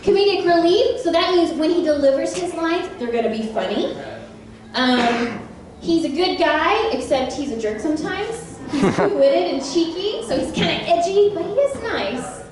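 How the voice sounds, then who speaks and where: Brief: high-voiced woman, lively panel speaker, recorded from afar in a big echoing convention room. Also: normal speed. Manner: chatty and animated, laughs often, quizzes the audience. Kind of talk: convention panel talk to an audience. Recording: very echoey hall from a distance.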